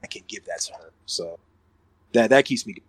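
A man's voice: fairly low pitch, moderate pace, breathy edge, no room sound. A man hosting a casual chat, talking loosely and plainly, his voice coming through a group online voice call. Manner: relaxed, loose talk with profanity. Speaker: podcast host.

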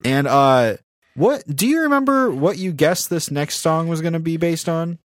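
A man's voice: on the high side, lively intonation, normal speed, dry recording, studio quality. A man co-hosting a casual podcast, teasing his co-host in playful banter.

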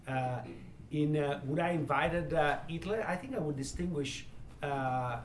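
A man with a thick foreign accent and a slightly high voice answers in a halting way, searching for his words. He sounds like a professor in a live discussion, picked up from a distance in an echoey room. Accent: strong foreign accent. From immigrant, from abroad. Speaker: university professor, event host. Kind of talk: panel discussion, answering audience questions. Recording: echoey room, distant mic, faint noise.

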